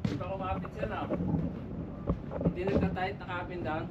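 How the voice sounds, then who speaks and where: A man's voice: high-pitched, little pitch movement, normal speed. A ship crewman heard over a handheld two-way radio, giving short, clipped reports on the anchor. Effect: handheld two-way radio transmission. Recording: distant, muffled radio over loud wind and engine noise.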